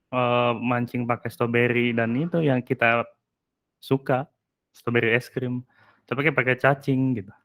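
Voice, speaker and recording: A man in an average pitch talks loosely through a presentation to colleagues. He fills pauses with drawn-out sounds and turns to listeners with quick asides. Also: creaky. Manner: relaxed, chatty, many fillers and asides.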